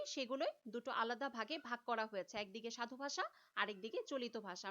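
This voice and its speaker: High-voiced woman teaching a lecture. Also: a bit bright, dull audio. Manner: explains step by step, repeats key terms. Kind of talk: recorded class lecture.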